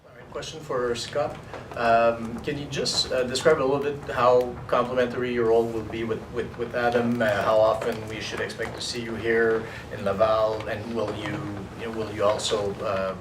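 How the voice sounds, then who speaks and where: A man's voice: medium pitch, little pitch movement, normal speed, reverberant. A man putting questions at a press conference, heard from a distance in a noisy room.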